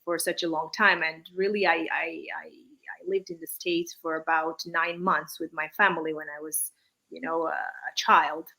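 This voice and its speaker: This woman's voice sits low, creaky, pushed and bright, with a level tone and moderate pace, captured on poor audio. She's an Armenian-born English teacher, partly raised in Malaysia, answering interview questions in English as a guest with hesitant, roundabout phrasing.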